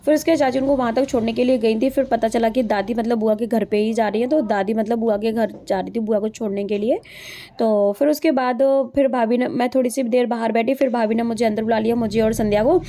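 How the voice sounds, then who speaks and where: Chatty young woman vlogger, quick, mellow. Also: on the high side, steady tone. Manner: chatty, rambling, many fillers. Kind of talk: daily life vlog voice-over narration.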